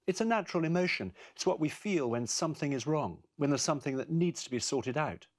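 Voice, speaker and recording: A man presenting a parenting course in calm, measured, scripted narration. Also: fairly high pitch.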